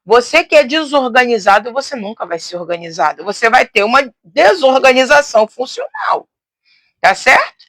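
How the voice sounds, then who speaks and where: Loud, expansive woman teacher, high-pitched. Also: very animated, normal speed, no room sound. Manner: frequent tag questions and restarts. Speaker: teacher and host. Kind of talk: casual teaching on faith and psychology.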